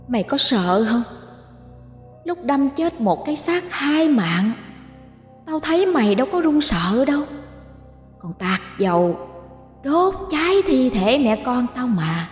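Woman voicing a vengeful ghost woman, high and taunting. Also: big pitch swings, slow pace, long pauses. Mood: taunting menace. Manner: taunting, menacing. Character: vengeful female ghost, murdered mother. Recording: echoey reverb with music behind.

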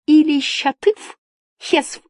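A shrill old woman who chatters excitedly in an invented tongue, as a woman reader puts her on. High and bright against the reader's usual low, husky voice. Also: slow, dry recording, clean studio sound.

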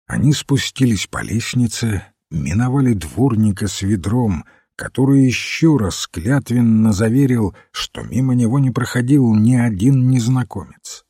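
Man, audiobook narration, husky, low, animated delivery, dry. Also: a little slow, few pauses, dry recording. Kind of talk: scripted narration.

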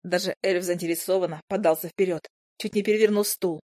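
A woman narrating a first-person audiobook in a lively, expressive way. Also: on the low side, fairly quick. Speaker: audiobook reader.

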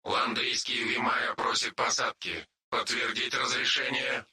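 A man's voice: medium pitch, fairly even intonation, a little slow, lightly acted. A man doing a metallic tower computer voice. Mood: formal. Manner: clipped, metallic announcement. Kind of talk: audiobook narration. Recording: distant echoey sound with background noise.

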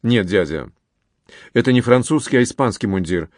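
A man voicing a calm, serious young male officer who speaks steadily, in an audiobook reading. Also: on the low side, moderate pace, no echo, clean studio sound, close to an everyday voice.

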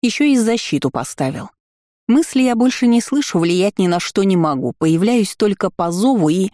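A woman's voice: fairly low pitch, very animated, unhurried, mellow, no room sound, studio quality, heavily acted. A woman voicing a spiteful, scheming female spider spirit who hisses venomously, in an audiobook. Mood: furious. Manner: hissing, venomous.

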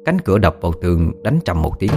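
A man narrating a story as an audiobook reader, steady and expressive. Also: low-pitched, quick pace, over music.

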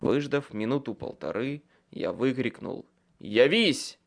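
Brief: male audiobook narrator, mid-pitched voice, tense and dramatic first-person read. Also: lively intonation, measured pace.

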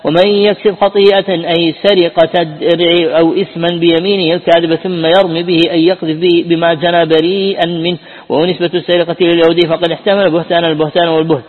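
A man reading classical Quran commentary aloud to a teacher, quick and with small restarts. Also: fairly high pitch. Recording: tinny, echoey hall sound.

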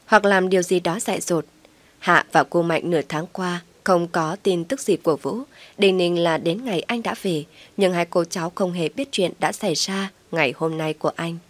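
A woman narrating a story in a calm, steady storytelling manner. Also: on the low side, no echo.

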